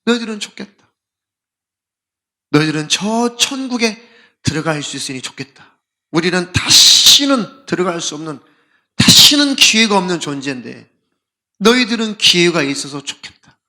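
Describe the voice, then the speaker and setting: A man's voice: high-pitched, steady tone, fast, voice pushed up. A male pastor voicing a fallen demon spirit that cries and laments, in a plaintive, sobbing way. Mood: envious wailing.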